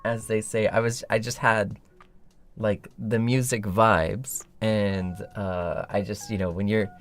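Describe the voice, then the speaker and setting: A man hosting a casual livestream, rambling playfully with a slightly rough morning voice. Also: fairly low pitch, fairly even intonation, takes it slowly. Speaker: livestream host. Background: background music.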